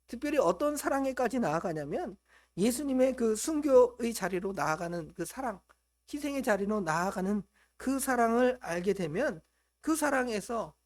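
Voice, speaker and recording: High-voiced male pastor preaching animatedly. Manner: lively preaching that acts out quoted voices, with chuckles. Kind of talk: sermon. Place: church.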